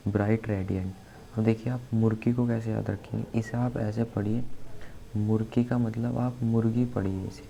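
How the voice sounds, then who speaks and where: A man with a lowish, gravelly, dark-toned voice teaches an exam-prep vocabulary lesson, spelling words out letter by letter and repeating key terms while explaining memory tricks. The audio is poor, with faint background noise.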